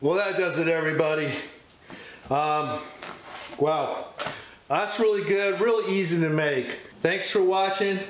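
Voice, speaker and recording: A man's voice: a little high, unhurried, roomy sound, noisy background. A man hosting a home baking vlog, chatting and humming as he eats, sometimes with his mouth full. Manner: eats on camera while talking, with mouth full, many appreciative hums; chatty and self-deprecating. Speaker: home baker, channel host. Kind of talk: casual cooking vlog sign-off.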